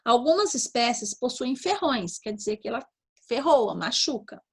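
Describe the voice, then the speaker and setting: A Brazilian Portuguese-speaking woman teaching young children, slowly sounding out syllables and checking in often. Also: on the high side, animated, husky. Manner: slow, sounding out syllables, frequent "tá?" and "ó". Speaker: primary school teacher. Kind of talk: online lesson to young children.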